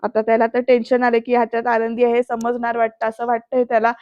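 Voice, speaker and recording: A woman recaps a TV serial in a casual, chatty voice-over and talks straight to her viewers. Her voice is a little high and stays quite flat. The recording is dull, dry and lo-fi, close to the mic. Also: quick pace, clear, resonant tone, no echo. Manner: chatty, addresses the viewers directly, acts out quoted lines. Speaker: serial episode reviewer.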